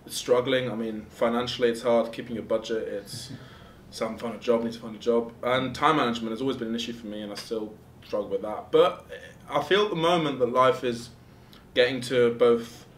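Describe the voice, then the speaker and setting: Young man, quick and hesitant. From Germany. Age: 20s. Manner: hesitant, searching for words. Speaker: student interviewee. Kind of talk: casual interview answers. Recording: roomy, distant mic with faint rumble.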